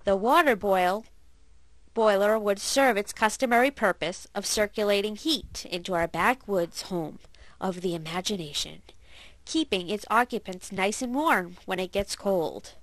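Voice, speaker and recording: A woman's voice: medium pitch, a little slow, dry recording, low-quality recording. Dry, close woman narrating a how-to. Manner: steady, explanatory, with small slips. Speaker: channel host narrating. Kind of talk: scripted voice-over narration.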